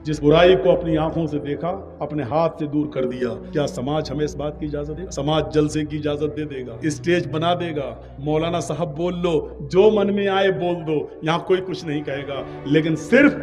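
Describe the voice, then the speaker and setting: A man with a high voice preaches a rousing sermon, moving between quiet asides and loud calls to his listeners. He acts out the voices in the stories he tells. Faint music plays underneath. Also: steady tone, few pauses. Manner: rousing, swings from low asides to loud shouted exhortation; acts out quoted exchanges in storytelling.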